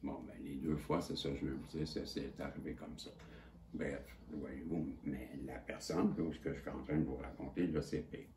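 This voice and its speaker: A man with a Québécois accent telling viewers a story in a casual, animated and indignant way, swearing freely. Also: extremely low pitch, normal speed. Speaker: channel host. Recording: echoey room with faint noise.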